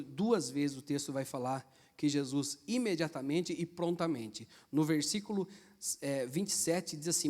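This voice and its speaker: A Brazilian man with a bright, high voice preaches a sermon to his congregation. He tells the story with lively swings, rising to emphatic, loud peaks and acting out the words of the people in it. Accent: Brazilian Portuguese. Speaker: pastor.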